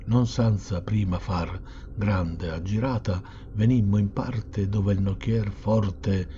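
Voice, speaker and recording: A man reciting classic verse in a measured, dramatic way, in a dull recording with steady hiss. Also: lowish voice. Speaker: reader.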